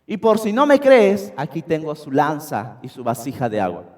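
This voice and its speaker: High-voiced preacher in a ringing church. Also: male voice, expressive, normal speed, a little mellow. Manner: emphatic, addresses the congregation as brethren. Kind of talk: expository sermon. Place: church sanctuary. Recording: long church reverb.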